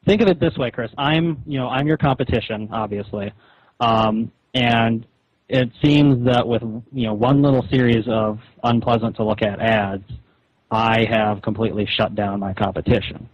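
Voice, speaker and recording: On a muffled, echoey telephone call, a rival webcomic creator pushes his argument in a blunt, persuasive, condescending way. His mid-range voice stays steady at a normal speed.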